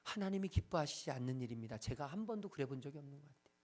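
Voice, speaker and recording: A pastor delivering a Sunday sermon, swelling to loud, emphatic declarations and falling back to a soft, confessional tone, with repeated parallel phrases. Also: mid-range voice, lively intonation, rapid-fire.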